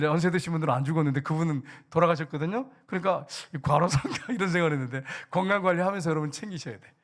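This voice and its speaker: A man's voice: on the high side, fairly bright tone. A male pastor preaching a conversational sermon in a church, often asking the congregation questions and adding humorous asides. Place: church sanctuary.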